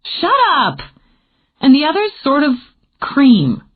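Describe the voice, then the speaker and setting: A female narrator voicing a lively, impatient woman who talks quickly and gets exasperated. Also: high voice, pitched above the performer's own voice, exaggerated voice. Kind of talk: audiobook character reading. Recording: tinny phone-like audio.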